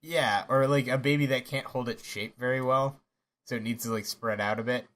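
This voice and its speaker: Halting male podcast co-host. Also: medium pitch, steady tone, a bit bright. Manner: halting, with many restarts and laughs. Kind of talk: casual chat.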